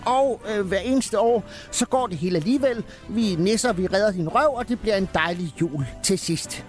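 A man voicing a small, sensible Christmas elf who calms Santa down. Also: sits high, faint music behind, pitched above the performer's own voice, close to an everyday voice. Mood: reassuring. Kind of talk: comedic storytelling.

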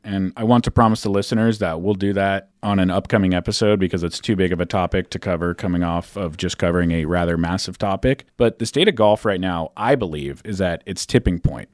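A man co-hosting a golf podcast, delivering a wry, deadpan prepared monologue. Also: low-pitched, no room sound, clean studio sound. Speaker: podcast co-host. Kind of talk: scripted monologue.

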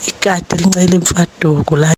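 Low, even-toned Zulu-accented woman. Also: fast, slight background noise. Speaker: listener sending a voice message to a radio show. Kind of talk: casual personal message.

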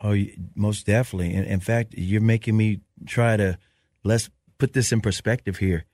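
A man's voice: fairly low pitch, fairly even intonation, normal speed, a little mellow, dry recording. A man hosting a podcast interview, affirming his guest and enthusiastically asking him questions. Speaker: podcast host. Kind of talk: interview conversation.

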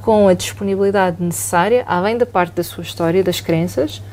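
A middle-aged woman psychologist with a European Portuguese accent, calmly explaining and often checking in with tag questions. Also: lowish voice, brisk, a little hiss or hum. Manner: calm, explanatory, often asks "não é?". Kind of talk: explanatory podcast talk.

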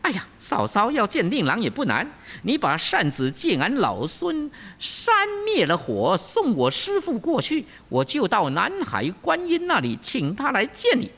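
A storyteller voicing the Monkey King, a brash, quick-tongued trickster, in a high, chirpy voice in a hall with long reverb. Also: wildly swooping pitch, fairly bright tone, exaggerated voice. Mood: coaxing. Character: cocky Monkey King, brash and fast-talking.

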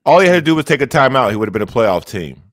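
Man, sports talk co-host, emphatic, fuzz-distorted close laptop mic, animated pitch. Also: racing, no echo. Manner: emphatic, repeats points for effect. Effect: distorted, overloaded laptop mic. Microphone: laptop microphone, too close.

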